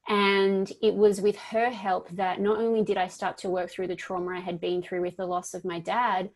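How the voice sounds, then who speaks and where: A woman's voice: medium pitch, level tone, normal speed. A woman in her thirties from Perth with an Australian accent, talking emphatically as a life coach guest in an interview. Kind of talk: casual interview talk.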